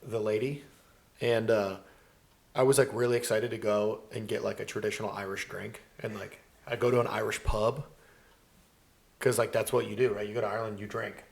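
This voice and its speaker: A man's voice: lowish voice, fairly quick, vocal fry. A young man co-hosting a casual podcast chat, joking and telling stories. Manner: joking, storytelling, animated. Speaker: podcast co-host.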